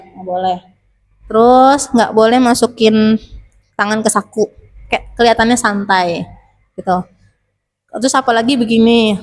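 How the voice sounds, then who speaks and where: A woman teacher, chatting to students about public speaking and asking many rhetorical questions. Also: a little high. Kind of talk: casual advice to students.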